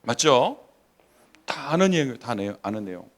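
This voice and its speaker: Animated Korean pastor preaching. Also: male voice, medium pitch, a little hiss or hum. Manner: animated preaching with rhetorical questions and acted asides; slow, measured scripture reading. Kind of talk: sermon.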